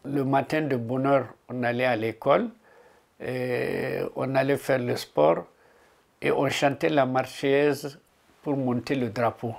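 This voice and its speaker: A man's voice: medium pitch, fairly even intonation, measured pace, gravelly. A man in his seventies plainly recounting school mornings in an interview. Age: 70s. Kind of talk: testimony interview.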